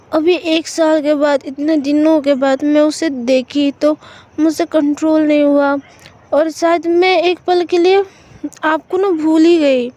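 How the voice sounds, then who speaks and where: Brief: woman playing a young lover in an audio story, high, slow and mellow, apologetic and coaxing. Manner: pleading, apologetic, affectionate. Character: young woman pleading with her upset girlfriend.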